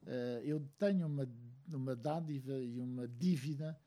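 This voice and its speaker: Angolan-born guy giving a thoughtful talk, lots of ums, warm dark voice. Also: mid-range voice. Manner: reflective, measured, many hesitations. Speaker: speaker at a book launch. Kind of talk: speech to a seated audience.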